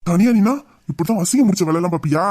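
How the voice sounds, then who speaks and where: Audio drama: a hot-headed young boyfriend, anxious then threatening, played by a man; voice sits high. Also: racing, darkish tone. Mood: furious. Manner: worried questioning, angry threats. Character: protective young man, heroine's lover, hot-tempered. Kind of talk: amateur Tamil audio drama.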